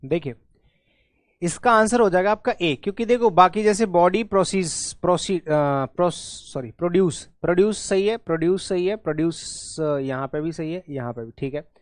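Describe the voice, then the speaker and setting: A man's voice: high voice, moderate pace, no room sound. A man teaching an exam-prep English spelling lesson in Hindi mixed with English words, often checking in with his students.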